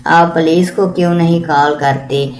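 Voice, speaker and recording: Woman reading kind young man, lawyer, gentle, reassuring, low even voice. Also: faint music behind, close to an everyday voice.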